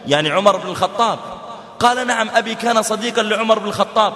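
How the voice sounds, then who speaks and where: High-voiced man preaching in an echoey hall. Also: racing, pushed and bright. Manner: dramatic, acts out the dialogue with big swings in voice. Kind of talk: sermon storytelling.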